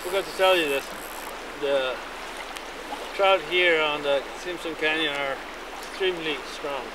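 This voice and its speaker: Male fishing guide, high voice, casual chat, heavy outdoor river noise throughout. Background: rushing water and boat sounds.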